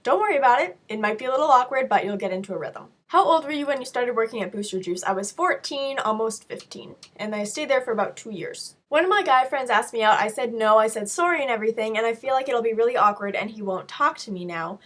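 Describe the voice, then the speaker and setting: A woman's voice: on the high side, animated, fast, hardly any pauses, fairly bright tone. A young woman with a voice affected by being sick, answering questions in a frank, casual vlog style with playful asides. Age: young adult. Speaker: video blogger answering viewer questions. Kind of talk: casual chat to camera, Q&A.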